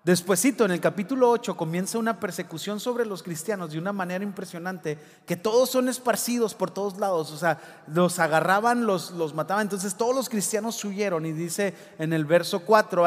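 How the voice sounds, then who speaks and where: A man preaches a sermon in a fairly high voice. He swings from loud, impassioned passages to hushed, intense ones. His voice carries a long reverb from a big church hall. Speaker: pastor.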